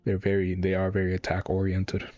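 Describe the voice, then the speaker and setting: A man's voice: sits low, completely flat delivery, brisk, a little mellow, no room sound, highs cut off, soft background music. A man casually reacting live to a webcomic, reading panels aloud and rambling with lots of fillers and restarts.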